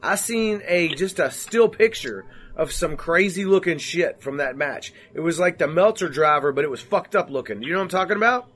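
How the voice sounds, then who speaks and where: A man's voice: a little high, animated, moderate pace, hardly any pauses, fairly bright tone. A man hosting a casual wrestling podcast, laid-back and swearing freely. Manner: laid-back, swears casually, apologetic about tech trouble. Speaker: podcast host.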